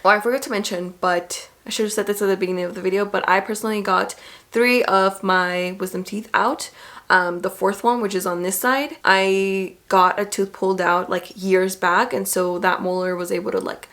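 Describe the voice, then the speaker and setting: A woman's voice: medium pitch, moderate pace. Chatty young woman telling a personal story. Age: young adult. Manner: chatty, informal, animated retelling with quoted asides. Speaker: vlogger. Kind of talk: casual storytelling to camera.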